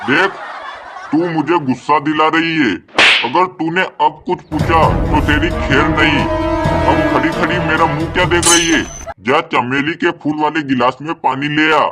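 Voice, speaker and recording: A man's voice: on the high side, steady tone, measured pace, over loud music, lightly acted. A man voicing an impatient, grumpy husband losing his temper. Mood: exasperated. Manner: exasperated. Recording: loud hiss behind the voice.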